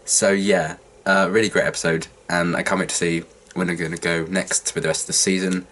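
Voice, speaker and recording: Deep-voiced young guy doing a reaction vlog, sick with a cold, kinda hungover and raspy. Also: little pitch movement, brisk, a bit bright. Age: young adult. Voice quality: husky, congested. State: ill with a cold, sore throat and cough, sounding rough and worn out. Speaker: reaction vlogger. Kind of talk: casual chat to viewers.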